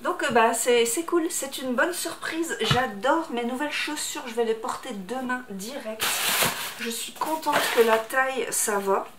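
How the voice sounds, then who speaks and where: A woman with a fairly high voice talks casually to camera at home, hesitating often and filling gaps as she unboxes parcels. The room is echoey and there is clear background noise throughout. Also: measured pace. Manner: chatty, hesitant with many fillers. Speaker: unboxing vlogger.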